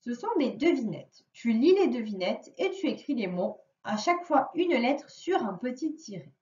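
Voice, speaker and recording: A woman teaching a child a reading and spelling lesson, speaking slowly and drawing out each word to dictate. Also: on the high side, sing-song, darkish tone. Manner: slow, careful, drawing out words to dictate. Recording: echoey room, distant mic, dull sound.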